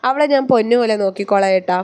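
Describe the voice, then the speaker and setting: A woman's voice: a little high, rapid-fire, darkish tone, clean tone, natural voice. A woman voicing a remorseful, earnest younger brother in a read-aloud story.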